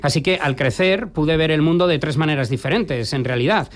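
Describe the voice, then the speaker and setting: A man interpreting the guest's answers in a steady, measured voice-over. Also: on the high side.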